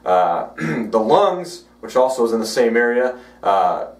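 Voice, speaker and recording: Halting chiropractor, echoey room. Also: male voice, medium pitch, big pitch swings, recorded from a distance. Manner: halting, frequent "uh" and "you know" fillers. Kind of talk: educational video blog.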